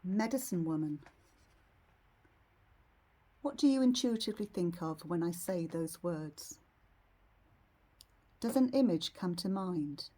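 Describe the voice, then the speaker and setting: A woman leading a guided meditation in a serene, soothing, soft and slightly husky voice. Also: on the low side, expressive. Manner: serene, unhurried, soothing delivery.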